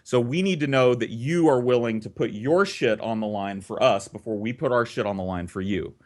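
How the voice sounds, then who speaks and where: Speaking at normal speed in a medium pitch, this host tells a funny, relaxed story full of profanity, re-enacting each side of the conversations with animation.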